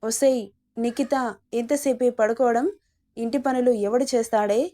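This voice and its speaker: A scolding middle-aged mother-in-law, voiced by a woman reader, nags and needles with sarcasm. Her voice sits fairly high and mellow, in a storybook reading. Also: steady tone, normal speed, close to an everyday voice. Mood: nagging. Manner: sarcastic, nagging.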